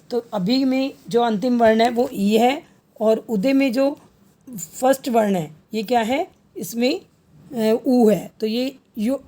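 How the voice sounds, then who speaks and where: A woman's voice: on the high side, dark tone. Patient woman teaching grammar. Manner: patient, repeats each answer as a question. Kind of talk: Hindi grammar lesson.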